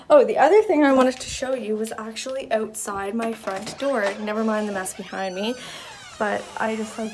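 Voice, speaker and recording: Holding a handheld device at arm's length, a young woman chats loosely in an apartment vlog. Her pitch sits in the medium range, and there's a slight hiss or hum in the recording.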